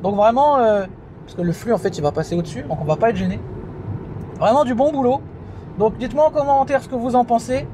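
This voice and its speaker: High-voiced chatty man reviewing in a car. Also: a little fast, noisy background. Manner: chatty, many fillers and "hein". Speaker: car video host. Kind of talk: casual product review vlog. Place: inside a car, driving.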